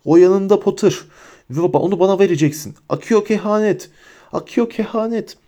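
A man's voice: sing-song, moderate pace, warm tone, natural voice. A man reading a story aloud, voicing a cruel, fanatical female witch who taunts and shrieks. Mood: frantic. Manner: taunting, mocking, high and shrill.

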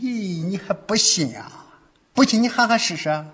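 A man's voice: high-pitched, lively intonation, moderate pace, a bit bright, slightly rough, full character voice. An actor playing a sly male mountain bandit who poses as a waiter, speaking, wheedling one moment and menacing the next. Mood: gloating. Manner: wheedling, then swaggering and menacing. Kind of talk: sitcom acting.

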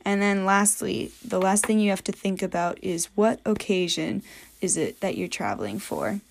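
A woman's voice: mid-range voice, normal speed, vocal fry. Young woman, from New England, chatty podcast host, joking asides. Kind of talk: casual solo podcast.

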